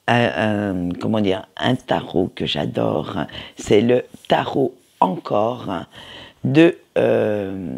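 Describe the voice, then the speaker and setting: Husky gravelly guy doing his weekly tarot reading, slow and kind of hesitant, lots of ums. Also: mid-range voice, a little mellow. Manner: hesitant, many fillers and restarts. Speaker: tarot card reader.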